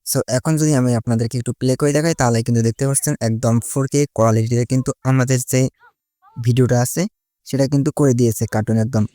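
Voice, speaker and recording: Speaking Bengali mixed with English words, a man guides viewers through a relaxed step-by-step tutorial, using the same connective phrases again and again. He talks fast in a mid-range, dark-toned voice with fairly even intonation. There's no room sound in the recording.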